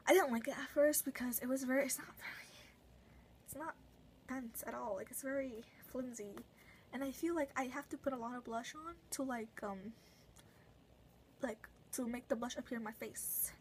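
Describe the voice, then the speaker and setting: A woman's voice: high-pitched, moderate pace, a little hiss or hum, rough recording. A young woman casually reviewing her makeup brushes at home, rambling with lots of fillers and self-corrections. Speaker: beauty vlogger.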